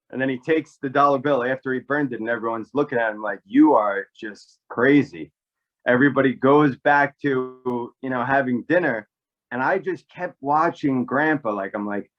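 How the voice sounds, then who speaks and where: A man from New York telling a family story casually, animated and full of fillers. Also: medium pitch, lo-fi sound. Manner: animated, rambling with many fillers. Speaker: podcast guest, actor.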